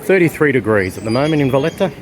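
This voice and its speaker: Talking very fast with big swings in pitch, this mid-range Australian travel vlogger casually narrates his walk along outdoor city streets. His delivery rambles and is full of fillers, with a crowd and street noise in the background.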